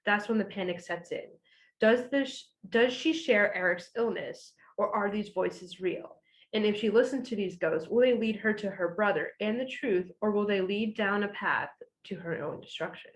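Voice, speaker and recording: A woman's voice: mid-range voice, moderate pace, rough recording. A woman on library staff, chatting casually and reading out book descriptions with frequent fillers. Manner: chatty, uses many fillers like "like" and "uh". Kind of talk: casual book recommendation chat.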